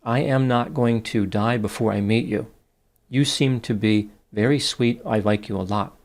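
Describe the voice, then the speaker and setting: A man reading out the messages of a smitten, lonely older man, slowly and plainly. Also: mid-range voice, natural voice. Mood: pleading.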